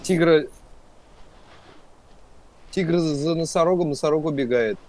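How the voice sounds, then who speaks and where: A man's voice: a little high, measured pace, a little mellow. A man chatting casually with friends while playing a video game, swearing constantly. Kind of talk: casual gaming chat with friends. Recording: noticeable background noise.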